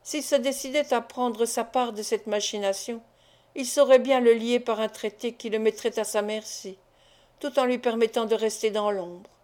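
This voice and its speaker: A woman's voice: fairly high pitch, fairly even intonation, moderate pace, a little mellow. A woman narrating a classic novel as an audiobook, reading steadily. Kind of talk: scripted narration.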